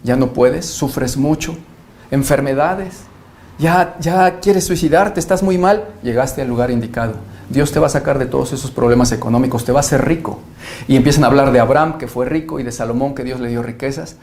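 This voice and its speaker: A man's voice: medium pitch, fairly even intonation, a little fast, creaky, darkish tone. A man, a pastor answering interview questions in an earnest, emphatic preaching manner, often quoting scripture.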